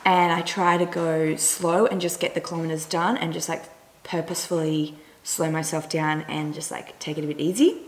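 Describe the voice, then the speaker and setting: A woman's voice: sits low, flat delivery, normal speed. A young woman chatting casually to a camera a little way off in her home kitchen, as a running vlogger. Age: young adult. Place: indoors, bright home kitchen. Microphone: camera a couple of metres away. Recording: roomy echo, clear background noise.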